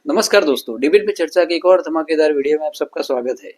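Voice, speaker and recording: A man's voice: fairly high pitch, lively intonation, quick pace, darkish tone. A man hosting a video channel, giving an upbeat scripted intro that asks viewers to subscribe and like. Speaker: channel host.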